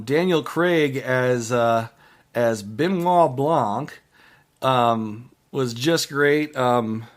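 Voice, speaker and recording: Casual movie reviews come from a podcast host whose medium-pitched voice halts often. He keeps restarting and letting phrases trail off unfinished.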